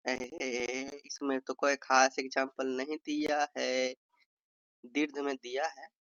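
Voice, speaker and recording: A man with a Bihari accent gives a loose, playful revision lesson, drawing out vowels to show how they sound and calling his listeners brother. His voice sits in an ordinary middle pitch. The recording is dry and a little dull, with a lo-fi edge. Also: flat delivery, measured pace, fairly bright tone, clean tone, no room sound. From Bihar, India. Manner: playful, stretches vowels to demonstrate, addresses viewers as brother. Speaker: exam tutor.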